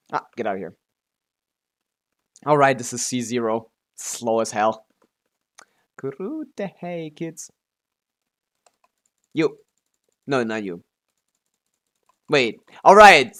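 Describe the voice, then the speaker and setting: This live streamer is a man whose voice sits at medium pitch with a touch of brightness. Talking loosely over his gameplay, he keeps muttering under his breath and tossing out casual curses.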